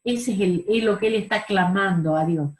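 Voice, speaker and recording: A woman's voice: medium pitch, moderate pace, reverberant, poor audio. A woman teaching a Bible study class over a video call, explaining verses and asking the group questions. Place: home room on a video call.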